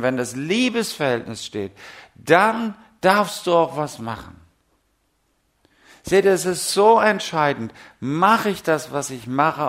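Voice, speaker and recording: A middle-aged man preaches a sermon in a slightly high, fairly bright voice. He tells funny, self-deprecating stories and asks the congregation direct questions.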